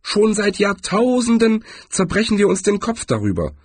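A man's voice: high-pitched, big pitch swings, normal speed, slightly rough, dry recording, pitched above the performer's own voice, exaggerated voice. A man voicing a small, eager male troll in an audiobook reading.

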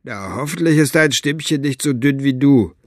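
A man's voice: medium pitch, animated, normal speed, no echo, studio quality, pitched above the performer's own voice, natural voice. A man voicing a coarse, smug male henchman who mocks and gloats. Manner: gloating, sneering, grunting.

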